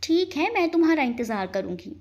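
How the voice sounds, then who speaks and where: A bubbly young wife, lovestruck and playfully pleading, with a lively, high voice, as a woman narrator plays her. Her lines bounce with affection. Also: fairly quick. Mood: affectionate.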